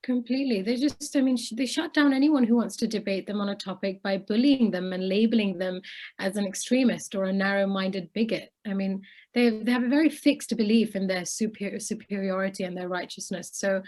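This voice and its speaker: A woman's voice: medium pitch, brisk, darkish tone. A woman in her twenties from Bangladesh, an interview guest speaking earnestly and articulately about her opinions. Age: 20s. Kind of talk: conversational interview.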